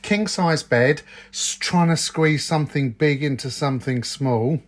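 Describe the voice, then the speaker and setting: A man's voice: a little high, unhurried. A middle-aged man chatting casually while reviewing a product, hesitant with many ums, in a tiny caravan bedroom. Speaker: vlogger.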